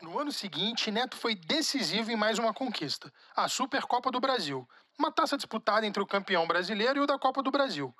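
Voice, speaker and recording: A man reading scripted sports documentary narration in an animated presenter's delivery. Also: sits high, a little fast, hardly any pauses, dry recording, studio quality.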